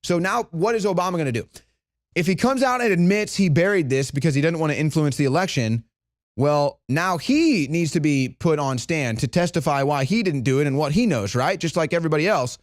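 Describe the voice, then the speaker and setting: A man delivering heated news commentary, sarcastic and indignant. He pushes to loud, emphatic peaks. His voice sits a bit high and sounds dry and close to the mic. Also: lively intonation, brisk, no room sound.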